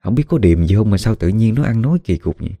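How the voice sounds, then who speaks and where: A man's voice: lowish voice, lively intonation, quick pace, mellow, soft background music. A man narrating a ghost story in a colloquial way, with dramatic exclamations.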